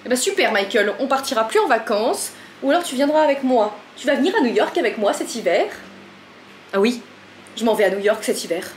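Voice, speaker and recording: A chatty woman with a slightly high voice talks through a casual home vlog, frazzled and self-mocking. She is recorded in an echoey kitchen with a faint hum of room noise behind her. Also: animated, fairly quick. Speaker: vlogger.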